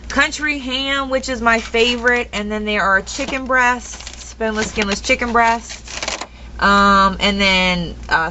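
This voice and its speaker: The audio is a dull, noisy lo-fi home video in which a young female vlogger gives a casual kitchen tour of her home, rambling, saying um often, and sharing blunt opinions. Her voice is a little high, bright, and forceful.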